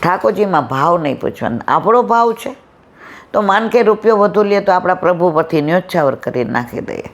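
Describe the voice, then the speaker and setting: A satsang speaker, telling devotional stories and repeating phrases that trail off low and soft. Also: animated, a little fast. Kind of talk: devotional storytelling talk.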